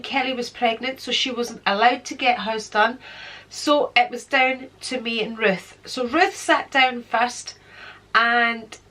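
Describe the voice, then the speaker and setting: A beauty vlogger from Britain, middle-aged and a bit stuffed up with a cold, talks easily in a casual vlog, her voice sitting high with a bright, forceful tone. She's chatty, ticking things off and pointing them out.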